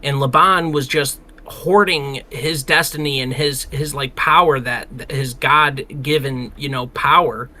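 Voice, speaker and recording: A man with a bright, forceful voice chats casually as a podcast co-host. He retells old stories with lively slang and quick quoted asides, in an animated, easygoing way. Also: mid-range voice. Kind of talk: casual Bible discussion.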